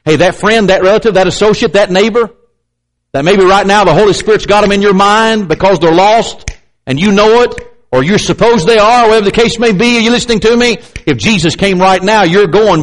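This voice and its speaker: In this poor-quality audio, a man preaches a little fast, his pulpit style emphatic and repetitive, with sharp asides aimed at the congregation. He stutters slightly, sometimes getting stuck on a word, and voices skeptics in a higher pitch.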